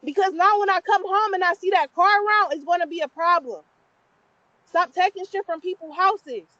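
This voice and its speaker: A woman's voice: very high voice, moderate pace, sharp tone, lo-fi sound, a little hiss or hum. A woman speaking through a doorbell speaker, sternly scolding and swearing as a confronting homeowner.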